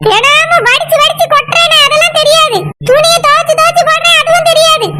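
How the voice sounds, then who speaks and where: A woman voicing an aggrieved, sharp-tongued village wife and mother in a cartoon, speaking with a Kanyakumari Tamil accent in a bitter, complaining way. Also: very high-pitched, fairly quick. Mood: scolding. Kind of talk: cartoon voice acting. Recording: loud background noise.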